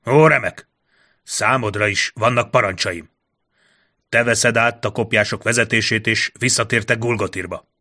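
A man voicing a brisk, commanding male general who gives crisp orders. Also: fairly low pitch, pushed and bright.

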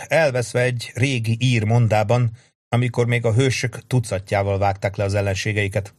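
A man with a fairly low voice narrates a book in a steady, dramatic way. The sound is dry and close, with no room around it. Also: dry recording. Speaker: audiobook narrator. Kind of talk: scripted narration.

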